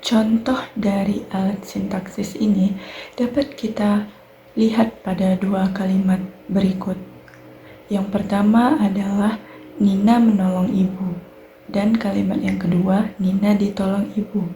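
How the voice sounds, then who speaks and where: A young woman with an Indonesian accent, a university student giving a clear, methodical recorded class presentation on sentence structure. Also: mid-range voice, flat delivery, unhurried, dark tone, a little hiss or hum. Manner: clear explanatory delivery, fillers like "nah" and "baik".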